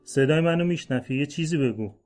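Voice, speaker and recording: A man's voice: a little high, darkish tone, faint music behind, close to an everyday voice. A man voicing a grown man who urgently pleads with an injured stranger, in a read-aloud story. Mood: worried.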